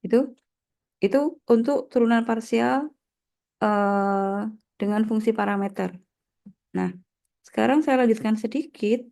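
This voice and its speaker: A somewhat high, warm woman's voice with vocal fry moves a little slowly, pausing frequently. Nasal from a light cold, this Indonesian university mathematics lecturer explains each step didactically and often tacks on short check-in tags.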